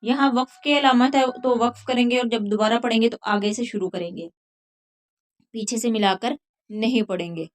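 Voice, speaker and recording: A woman teaching a tajweed lesson, patiently explaining each rule and then chanting the verses slowly. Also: a little high, fairly even intonation. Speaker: Quran recitation teacher.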